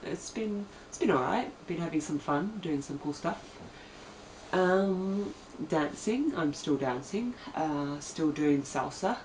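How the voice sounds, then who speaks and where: A woman's voice: deep voice, lively intonation, takes it slowly, a little mellow, a little hiss or hum. A young woman from Australia chatting to her camera at home, hesitant and full of ums. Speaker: vlogger. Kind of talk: casual chat to camera. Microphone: camera mic. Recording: echoey room, mic at a distance.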